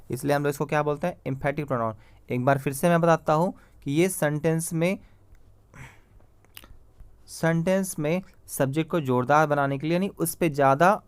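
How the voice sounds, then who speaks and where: A male grammar teacher giving a classroom-style lecture over slides, asking himself questions and answering them, repeating key terms and checking that students follow. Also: fairly high pitch. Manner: checks understanding with frequent "clear?" prompts.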